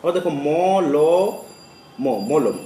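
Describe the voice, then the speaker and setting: Male teacher, chanting letter drills for small children. Mellow tone, recorded from across a room with faint background noise. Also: fairly high pitch, expressive. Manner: chanting drills, counts aloud slowly. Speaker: primary school teacher. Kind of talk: children's lesson on counting and letters. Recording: echoey room from a distance, faint ambient noise.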